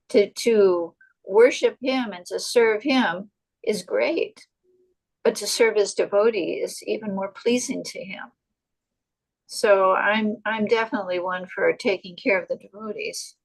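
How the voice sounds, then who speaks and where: Older female guest, gravelly, halting, self-correcting, online talk. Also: medium pitch, low-quality recording. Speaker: guest answering questions. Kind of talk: online devotional discussion.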